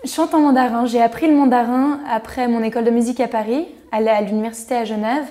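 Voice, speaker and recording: A woman in her thirties from Switzerland chats easily as a singer guest on the radio. Her voice sits a little high, with a warm, mellow tone. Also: steady tone, fast talker. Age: 30s. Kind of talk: casual radio interview.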